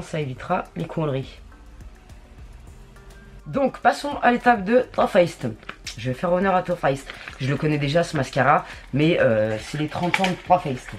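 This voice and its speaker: A woman chatting casually through a makeup tutorial, slangy and talking to herself as she works. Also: low-pitched. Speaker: beauty vlogger.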